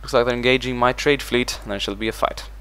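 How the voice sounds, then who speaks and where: Talking fast in a clean, fairly bright, medium-pitched voice with fairly even intonation, a gaming channel host runs a let's play. He considers each strategy game move aloud as he manages the game.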